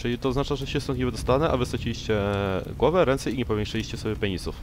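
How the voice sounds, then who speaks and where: A young man giving casual, joking commentary while he plays a game, talking to its characters and breaking into loud excited yelps. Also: medium pitch, very fast. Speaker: gameplay commentator. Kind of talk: casual let's-play commentary. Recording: old mic with clear background noise.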